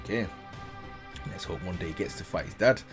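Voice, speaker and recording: Over background music, a man with a low, creaky voice reads a story fairly quickly as host of a reaction video. He keeps it casual, making slips, correcting himself, and remarking on the text as he goes.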